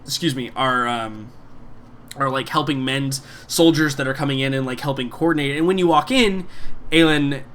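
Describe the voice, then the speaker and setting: A man's voice: medium pitch, normal speed, fairly bright tone, a little hiss or hum. A man narrating as game master, rambling with many fillers and restarts.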